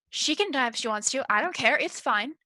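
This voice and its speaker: A woman playing a tabletop game, bantering casually in and out of character with exclamatory, animated delivery. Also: high-pitched, moderate pace, dry recording.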